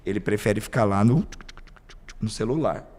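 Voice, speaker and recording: A man's voice: lowish voice, normal speed, darkish tone, long reverb tail. A man hosting a parenting podcast, speaking emphatically with frequent rhetorical questions. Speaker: psychoanalyst host. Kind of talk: podcast discussion.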